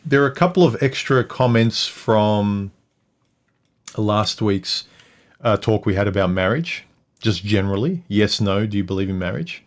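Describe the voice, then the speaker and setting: A man's voice: lowish voice, animated, moderate pace. A man co-hosting a casual livestream chat with his wife, rambling, losing his train of thought and swearing casually. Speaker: co-host of a couple's livestream. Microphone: livestream microphone.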